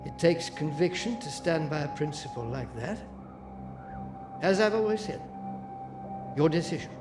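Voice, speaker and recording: A courteous gentleman, played by a man, formal and unhurried. His voice sits slightly high. Game music plays behind. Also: animated, lightly acted. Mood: genial. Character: genial, polite British senior man, cricket fan. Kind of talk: video game voice acting.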